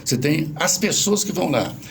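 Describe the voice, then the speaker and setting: A man's voice: fairly high pitch, moderate pace, gravelly, slight background noise. A man with a Brazilian accent, a language professor explaining things patiently in an interview. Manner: didactic, animated, spells out examples.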